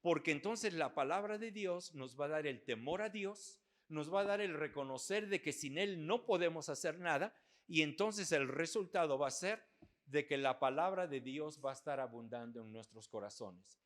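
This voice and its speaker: Older man preaching a sermon. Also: fairly high pitch. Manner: earnest, rising to loud emphatic preaching. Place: church hall at a men's conference.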